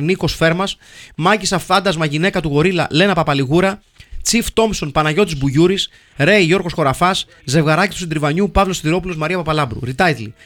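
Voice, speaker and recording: A man hosting a comedy show, reading listener film reviews in a wry, mock-solemn deadpan. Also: high voice. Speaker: host reading listener comments.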